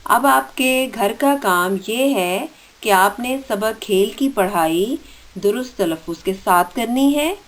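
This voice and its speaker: A woman's voice: on the high side, expressive. A woman teacher in an online school lesson, reading out vocabulary words one by one and explaining their meanings. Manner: reads vocabulary words then gives meanings; slow deliberate dictation pace.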